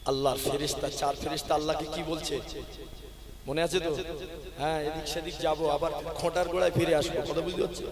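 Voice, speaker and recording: A man preaching a sermon to a gathering, moving between loud sung chanting and quiet talk to the crowd. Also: fairly high pitch, little pitch movement, fairly quick. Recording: echoey hall sound with a crowd.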